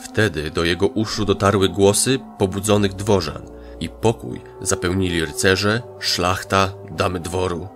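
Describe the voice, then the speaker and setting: A man narrating a fantasy audio drama in a measured, dramatic way. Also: low voice, steady tone. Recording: narration over faint music.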